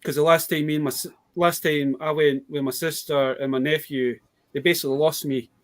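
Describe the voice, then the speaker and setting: Chatty British man, slightly high voice. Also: fairly even intonation, fairly quick. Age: adult. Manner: chatty, rambling storyteller. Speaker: toy collector guest. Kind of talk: casual live chat.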